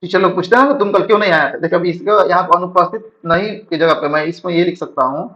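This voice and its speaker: A man teaching English grammar in Hindi, reading sentences slowly and checking his students follow. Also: high-pitched, sharp tone. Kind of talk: classroom-style grammar lesson. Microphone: writing on a board while talking. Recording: dull lo-fi sound.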